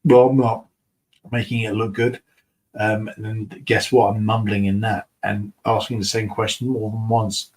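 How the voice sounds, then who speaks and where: A man's voice: fairly low pitch, little pitch movement, a little slow, a little mellow. A man hosting a casual beer review live stream, chatting with viewers about their comments in a rambling, mumbling way. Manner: rambling and mumbling, self-mocking. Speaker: beer reviewer and channel host.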